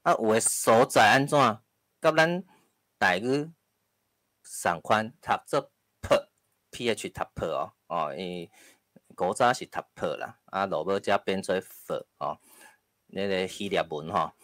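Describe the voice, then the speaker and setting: A man's voice: low-pitched, fairly bright tone, no room sound. A man with a Taiwanese accent giving a lecture to an audience, explaining point by point with frequent tag particles and the odd cough. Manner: occasional coughs and throat clearing. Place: lecture hall with live audience.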